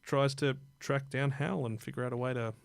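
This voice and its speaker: A man co-hosting a laid-back anime podcast, rattling off film trivia between fillers. His voice sits at an ordinary middle pitch. It is recorded close and dry, with no room sound. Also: steady tone, normal speed, vocal fry, no echo. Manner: chatty, lots of fillers, runs through film facts. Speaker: podcast co-host. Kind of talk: casual anime podcast chat.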